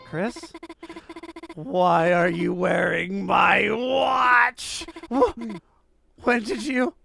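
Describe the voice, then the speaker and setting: A man's voice: high-pitched, slow pace, music in the background, voice pushed up. A man voicing a nervous, jumpy teenage girl from a video game, stammering as he reads her lines. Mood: alarmed. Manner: skittish, stammering.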